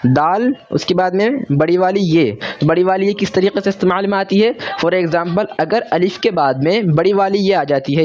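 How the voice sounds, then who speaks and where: A man with a fairly high voice teaches a reading lesson at a patient pace. He slows right down to sound out each syllable and asks questions that he then answers himself. The recording is dull and lo-fi. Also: a little mellow. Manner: sounds out letters slowly, syllable by syllable. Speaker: Urdu teacher.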